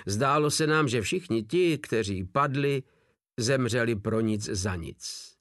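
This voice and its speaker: Casting: male audiobook narrator, steady storytelling, dry close sound. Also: medium pitch, dry recording.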